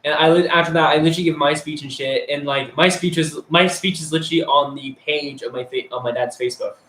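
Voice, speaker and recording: A man's voice: a little high, fairly even intonation, quick pace, a bit bright, echoey room, rough recording. A teenage male telling crude, rambling stories about school, heavy on swearing and filler words. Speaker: storyteller. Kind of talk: casual storytelling.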